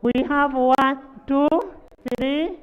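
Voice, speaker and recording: A parliamentary speaker with a Ugandan accent, formally chairing debate in an authoritative, deliberate manner. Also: high-pitched, little pitch movement, lo-fi sound. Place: large parliament chamber.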